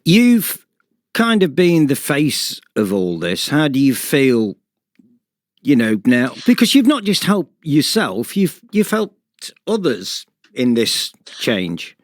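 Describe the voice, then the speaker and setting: A man's voice: mid-range voice, wildly swooping pitch, slow, dry recording, clean studio sound. A man with an English accent hosting a local radio show, questioning a guest in a friendly, conversational way. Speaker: radio presenter. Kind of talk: radio interview.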